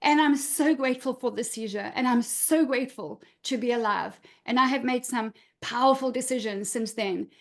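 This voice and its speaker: A woman's voice: fairly high pitch, normal speed, creaky, hardly any pauses. A middle-aged woman, a confidence coach, earnestly telling a personal story on a video call and repeating her key points for emphasis.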